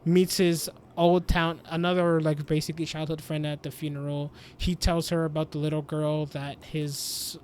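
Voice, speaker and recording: A man's voice: a little high, little pitch movement, normal speed, hardly any pauses, a little mellow, slight background noise. A young man hosting a casual podcast, rambling through a recap with lots of "like" and "basically". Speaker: podcast host. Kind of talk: casual chat.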